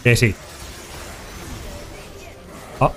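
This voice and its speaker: A young male streamer from Spain speaks very slowly in a slightly bright voice while some chatter goes on behind him. He offers relaxed, slang-heavy commentary on his gameplay and talks to viewers.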